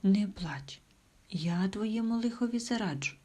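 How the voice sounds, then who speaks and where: A woman voicing a bold, boastful male rooster who crows and shouts his threats in a storybook tale. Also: mid-range voice, a little slow, natural voice. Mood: bold crowing.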